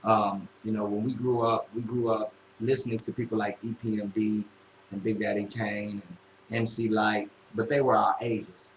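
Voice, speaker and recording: A man's voice: lowish voice, level tone, moderate pace. Laid-back man hosting a radio chat. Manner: laid-back, drawling, many fillers. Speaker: radio host. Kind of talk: casual interview chat. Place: radio studio room. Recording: echoey room, faint noise.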